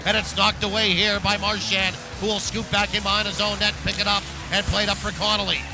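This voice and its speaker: A man calling rapid, excited hockey play-by-play as a game announcer. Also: high-pitched, music in the background.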